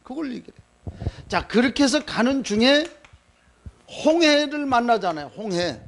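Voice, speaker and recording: Guy pastor with a high voice, chatty sermon, acts out the quotes. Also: moderate pace, gravelly. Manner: animated storytelling, acting out quoted lines.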